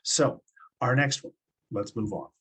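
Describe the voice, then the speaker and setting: A man teaching public speaking, his voice slightly husky and sitting in a middle register. He walks students through each point step by step in an encouraging classroom manner. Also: mid-range voice, measured pace, fairly bright tone, poor audio. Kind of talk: classroom instruction.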